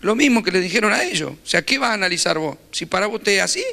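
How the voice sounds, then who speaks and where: A man's voice: high-pitched, lively intonation, quick pace, creaky, bright, forceful tone. A man with a Rioplatense Spanish accent preaching a teaching sermon in a conversational way, full of rhetorical questions. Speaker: pastor.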